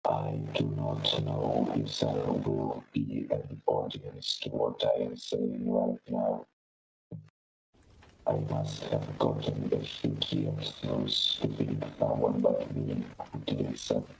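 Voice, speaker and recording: A man voicing a small, newly sentient male robot through a deep mechanical filter, in a gravelly, half-whispered, solemn and introspective manner. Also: flat delivery, takes it slowly, faint music behind, full character voice, low-quality recording.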